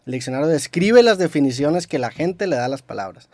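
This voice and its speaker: A man's voice: on the high side, lively intonation, fairly quick, darkish tone, no echo. A young Mexican man co-hosting a podcast, explaining things in a wry, chatty way. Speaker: podcast co-host. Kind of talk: casual chat.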